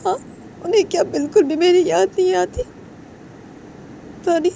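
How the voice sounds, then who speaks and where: A woman puts on a heartbroken young man, crying as he speaks, his voice pushed up high and thin, straining and breaking on each plea. The tone stays soft and mellow, with a faint hum of room noise behind it. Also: normal speed, vocal fry, rough recording. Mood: tearful pleading. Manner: high, pleading, tearful. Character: young man sobbing, missing his parents.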